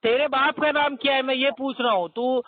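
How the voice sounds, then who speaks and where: A high-pitched man mocks and badgers his rival in a heated debate, hammering the same demand over and over. His voice comes through a dry, tinny, phone-like line. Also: steady tone, a little fast, no room sound. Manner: taunting, aggressive, repetitive.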